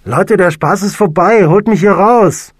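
A muffled man yelling from a coffin. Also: high-pitched, measured pace, husky, no echo, studio quality, pitched above the performer's own voice. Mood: angry panic. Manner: shouting, muffled.

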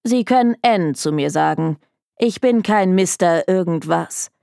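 A woman's voice: lowish voice, lively intonation, measured pace, gravelly, dark tone, clear, resonant tone, no room sound, studio quality. A woman voicing an arrogant, bored young male detective who talks in a scornful, dismissive drawl.

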